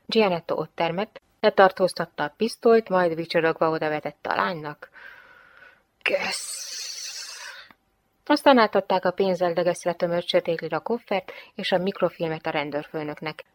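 Woman reading an audiobook, kinda low voice, dry close sound, wry tone. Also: hardly any pauses, no echo. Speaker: audiobook narrator. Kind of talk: audiobook narration.

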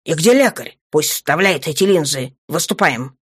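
A woman voicing a stern male dark lord who barks curt orders, in an audiobook. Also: low-pitched, moderate pace. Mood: commanding.

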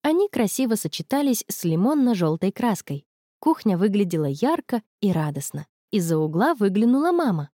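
Expressive woman reading an audiobook. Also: mid-range voice, moderate pace, no room sound, clean studio sound. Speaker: narrator.

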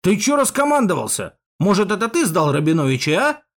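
A man voicing a hot-headed young Komsomol leader who talks in a loud, belligerent, shouting way. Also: high voice, very animated, fairly quick, voice pushed up, exaggerated voice. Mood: suspicious. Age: young adult.

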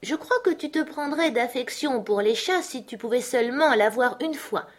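A woman's voice: fairly high pitch, animated, moderate pace, pitched above the performer's own voice. A woman voicing a curious, polite little girl who talks eagerly to please.

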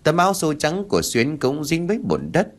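A man's voice: fairly high pitch, huge pitch swings, a little fast. A man reading a ghost story aloud in a dramatic scripted narration.

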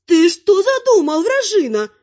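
A woman voicing a spry, sharp-tongued, bossy old grandmother in a brisk, scolding way. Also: high voice, animated, pitched above the performer's own voice. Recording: muffled lo-fi recording.

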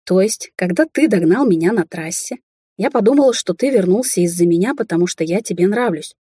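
A proud and easily offended young rich woman with a high, shrill edge to her voice, as the audiobook reader puts her on. The voice is dark and husky underneath, recorded close and dry. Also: lively intonation, a little fast, dry recording. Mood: hurt.

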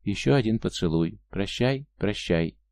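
A man's voice: lowish voice, lively intonation, measured pace, creaky, a little mellow, dry recording. Man voicing a proud Martian woman. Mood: sorrowful. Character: Martian woman, tender, proud, free-spirited.

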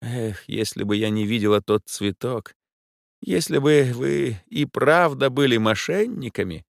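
A fussy, haughty rich woman, voiced by a male narrator, snaps orders in a raised, swooping pitch. Her tone is imperious and she spooks easily. The recording is dry and close. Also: animated, vocal fry, no room sound. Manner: shrill, imperious, quick to panic.

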